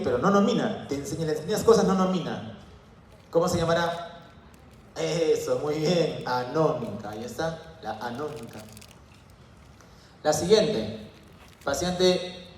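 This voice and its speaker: A man's voice: a little high, a little mellow. A man giving a university lecture, asking the students questions and answering them himself. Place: classroom. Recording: very echoey room, from far off.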